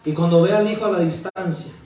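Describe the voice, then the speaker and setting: A man's voice: high-pitched, quick pace, a little mellow. A male pastor from Mexico preaching a sermon, with emphatic bursts and rhetorical questions. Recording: echoey hall, voice from a distance.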